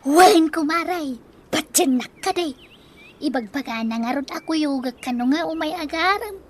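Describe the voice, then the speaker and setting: In an Ilocano-accented Filipino comedy radio drama, a woman voices a brash, scheming mother who gleefully coaxes her creditors, wheedling and teasing them. Her high, expressive voice moves at a moderate pace, with a faint hiss or hum in the background.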